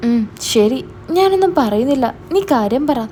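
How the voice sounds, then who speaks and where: A woman's voice: high voice, animated, normal speed, warm tone, slight background noise. A woman voicing a stern young older brother who scolds and demands answers.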